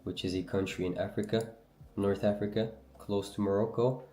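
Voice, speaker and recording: A young Algerian-born man raised in Canada, whose first language is Berber, hosts a trading livestream in a French Canadian accent. His voice is fairly low and dark, steady in tone and at a normal speed, with an echoey room around it. He's loose and slangy, reading the chat and answering viewers' questions.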